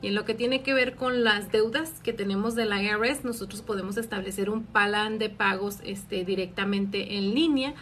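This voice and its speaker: A Mexican tax advisor answers viewer questions on a live stream, filmed by a phone held at arm's length in a small office. Her medium-pitched voice is a bit bright, with fairly even intonation, a moderate pace and hardly any pauses. She sounds friendly and explanatory, uses many filler words, and soft music plays in the background.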